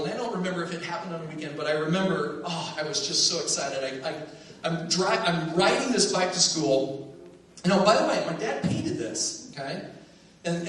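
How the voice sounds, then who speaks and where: A man with a high, bright voice tells a story on stage with lively energy, laughing as he acts out each part. His voice comes from a distance and rings through a large, echoey hall with faint noise underneath. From Phoenix, Arizona, USA. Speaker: storyteller and teacher.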